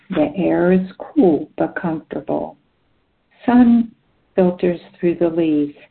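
A woman with a slightly low voice guides relaxation as a hypnotherapist. She speaks very slowly and soothingly, leaving long pauses between short phrases. The sound is narrow and thin, like a phone call. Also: vocal fry. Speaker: clinical hypnotherapist.

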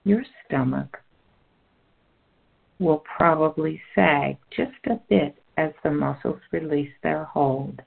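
Slow gravelly relaxation guide, phone-like sound. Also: medium pitch. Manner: slow, soothing, instructional. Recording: tinny phone-like audio.

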